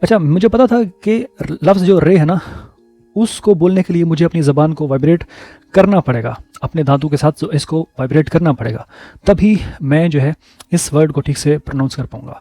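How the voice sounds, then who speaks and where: Man, casual vlog storytelling, slightly high voice, mellow tone, dry close sound. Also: no room sound. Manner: relaxed, repeating words for emphasis. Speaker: vlogger.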